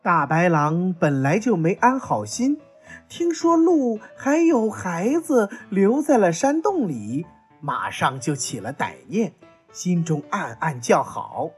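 Female children's storyteller, slow and expressive, breathy tone. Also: lowish voice, soft background music.

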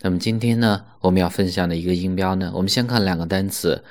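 A man teaching English pronunciation in an online lesson, slowly stretching out English words to demonstrate them. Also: deep voice. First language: Mandarin Chinese.

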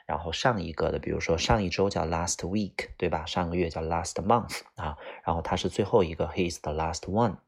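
A man teaches English vocabulary to students, his voice very low and gravelly with a husky edge. He explains each word slowly with example phrases, sprinkling in little filler sounds as he goes. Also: fairly bright tone. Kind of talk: vocabulary lesson.

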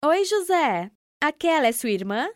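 A woman's voice: high-pitched, very animated, measured pace, no room sound, clean studio sound. A woman playing a friendly young woman in a scripted textbook dialogue, chatty and upbeat.

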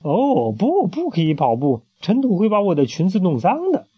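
Spoiled storybook queen, man doing the voice, high squealing pitch, bossy, muffled lo-fi sound. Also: huge pitch swings, moderate pace, slightly rough, full character voice. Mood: bossy shrill. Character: haughty, spoiled, childish woman queen. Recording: muffled lo-fi home recording.

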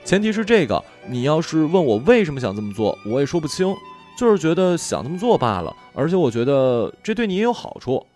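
Brief: a man putting on a high, lively young woman roommate, teasing and coaxing, audio story. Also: soft background music. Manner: playful, coaxing, brisk.

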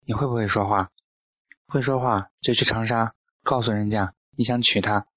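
A man voicing a fierce, sharp-tongued elderly mother who scolds and lectures bluntly in a storybook reading, with a lowish, dry voice. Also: fairly even intonation, normal speed, no echo. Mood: lecturing.

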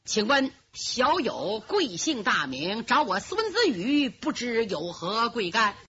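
女说书人扮的严厉的武林前辈. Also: female voice, a little high, big pitch swings, slow pace, a bit bright, slightly rough, pitched below the performer's own voice, heavily acted. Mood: measured. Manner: curt, commanding. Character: stern older male martial artist, impatient. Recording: lo-fi muffled recording.

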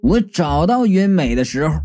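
Lady storyteller, super animated comic reading, mellow voice. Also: low-pitched, normal speed, soft background music. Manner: animated, comic, exclamatory delivery. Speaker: audiobook reader.

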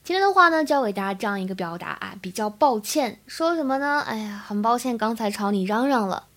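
Her pitch is fairly high and her tone fairly bright as this young Chinese woman briskly and animatedly guides listeners through English pronunciation. It's an upbeat, step-by-step spoken English lesson in podcast style.

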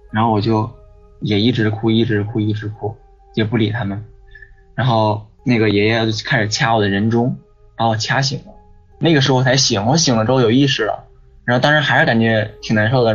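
A man with a lowish, steady, brisk voice is a guest on a ghost-story podcast, telling a long personal story in a casual way. He rambles, repeats words, and keeps asking "你知道吗". The sound is dull and lo-fi, with faint music in the background.

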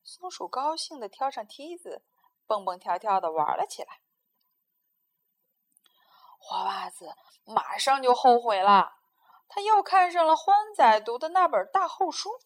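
A woman reading a children's story aloud in a gentle, expressive way. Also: sits high, measured pace, pauses often.

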